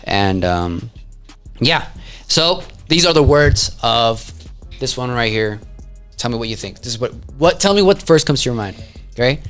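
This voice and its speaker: A man's voice: medium pitch, big pitch swings, measured pace, fairly bright tone, smooth, faint music behind. A young man co-hosting a podcast, chatting casually, loose and joking, laughing often. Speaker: podcast co-host. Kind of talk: casual chat.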